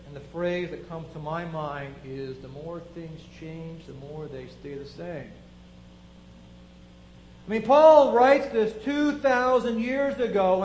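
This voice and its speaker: A man's voice: sits high, a little mellow, roomy sound, slight background noise, poor audio. A man preaching a sermon, building his point through strings of rhetorical questions.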